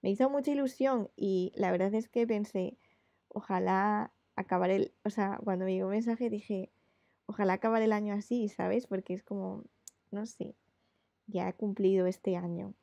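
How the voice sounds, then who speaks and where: Chatty woman with a gravelly voice. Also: medium pitch, steady tone, normal speed, mellow, no room sound, studio quality. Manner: chatty, rambling with many fillers. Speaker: illustrator. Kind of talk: casual chat while drawing live.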